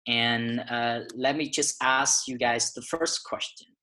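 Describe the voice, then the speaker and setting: A man hosts a teachers' webinar from his computer mic. His voice is bright and forward, and he talks hesitantly, with many fillers and restarts. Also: medium pitch, fairly even intonation, slow, rough recording. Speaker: webinar host. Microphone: computer mic on a video call.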